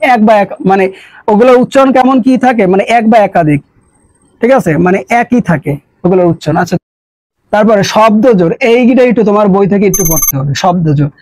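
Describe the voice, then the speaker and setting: A man's voice: high-pitched, animated, fairly quick, darkish tone, no echo, poor audio. A man teaching an exam-prep lesson, casual and coaxing, who keeps asking a question and giving the answer again and again. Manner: repeats questions and drills answers; colloquial, coaxing.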